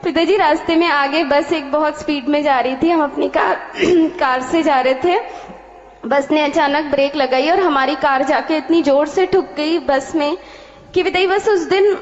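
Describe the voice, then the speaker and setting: A woman telling a personal testimony to a spiritual leader, animated, acting out many quoted exchanges. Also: high voice. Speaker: devotee sharing a testimony. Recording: dull, echoey hall sound.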